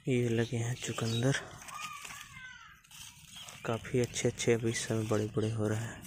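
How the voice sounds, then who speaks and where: Unhurried and medium-pitched, a young man gives a relaxed outdoor vlog from his village, explaining the work while showing his garden. Noisy outdoor ambience fills the recording.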